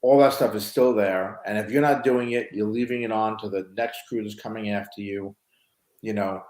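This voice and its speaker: A man's voice: fairly low pitch, fairly even intonation, normal speed, darkish tone. A man hosting a casual talk show about emergency medical work, talking loosely, with many restarts and "you know"s. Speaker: podcast host. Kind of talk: casual chat. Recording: roomy echo.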